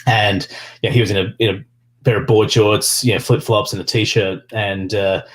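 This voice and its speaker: A man with an Australian accent and a fairly low voice talks casually as a podcast guest. He rambles along in loose, meandering sentences, padding them with small filler phrases. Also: steady tone, moderate pace. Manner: rambling, peppered with "you know" and "sort of". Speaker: podcast guest, sports business executive. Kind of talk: casual interview talk.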